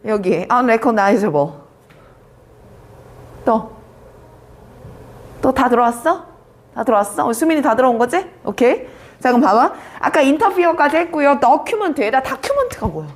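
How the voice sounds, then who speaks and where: Lively high-voiced woman teaching English. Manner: brisk, teasing, quizzes students by name. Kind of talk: live online vocabulary class.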